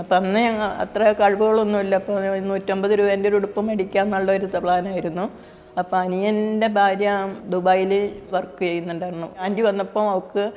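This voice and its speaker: A middle-aged woman, a mother, telling a personal faith story in quick, plain speech full of restarts. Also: medium pitch. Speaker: mother giving a faith testimony. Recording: dull, reverberant, with soft music behind.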